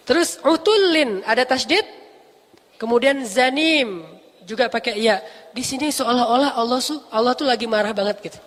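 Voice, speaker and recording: A Quran teacher explains the meaning of verses in a relaxed, chatty way, repeating key Arabic words with emphasis and slipping in small jokes. The pitch sits mid-range, and a long reverb trails after each phrase. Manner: casual, lively, jokes with listeners. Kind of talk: Quran study lesson.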